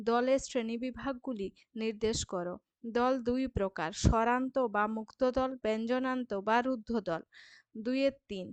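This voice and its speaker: A woman's voice: fairly high pitch, clean tone, dry recording. A woman teacher with a Bengali accent, reading workbook questions and answering them, drawing words out syllable by syllable.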